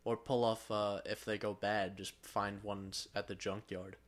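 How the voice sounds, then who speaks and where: A man's voice: lowish voice, level tone, a little slow. A young American man co-hosting a podcast, chatting in a laid-back way with dry, swearing remarks. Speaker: podcast co-host. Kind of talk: casual chat.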